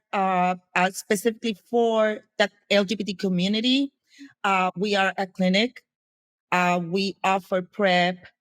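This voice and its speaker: Casting: Puerto Rican woman, Spanish as first language, interview guest, halting delivery full of ums and restarts, dry sound. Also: mid-range voice, no room sound. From Puerto Rico. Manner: hesitant, many fillers and restarts. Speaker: guest, HIV educator. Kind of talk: casual interview answers.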